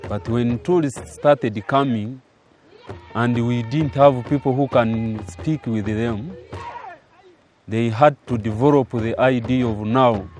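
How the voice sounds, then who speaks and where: A man speaking deliberately about his community in a documentary interview. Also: mid-range voice, a little mellow, soft background music.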